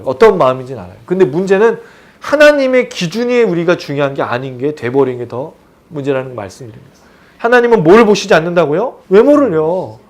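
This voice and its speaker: A male pastor delivers a sermon in an animated way. His voice is high and moves widely in pitch. He keeps putting rhetorical questions to the congregation.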